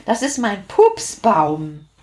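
A woman voicing a small, cheerful girl witch who is proud and eager, speaking high and bubbly in a children's storybook. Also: wildly swooping pitch, slow, darkish tone. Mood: indignant.

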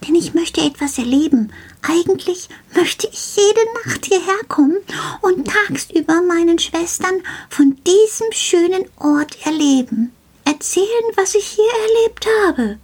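A woman voicing a tiny, cheeky magical sprite boy in a children's storybook, breathy and half-whispered, eager and chirpy. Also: very high-pitched, lively intonation, a little slow, darkish tone, pitched above the performer's own voice.

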